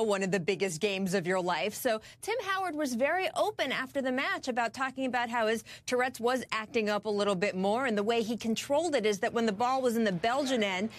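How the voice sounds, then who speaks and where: A woman's voice: fairly high pitch, a little fast, few pauses, no room sound. A woman with an American accent reporting sports on the news in an enthusiastic, emphatic, conversational way. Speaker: sports correspondent on a news broadcast.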